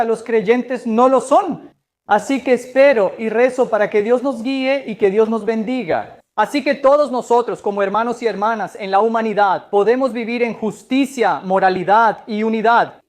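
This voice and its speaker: A woman giving a measured, explanatory talk as a guest speaker, answering audience questions at a church event. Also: fairly high pitch.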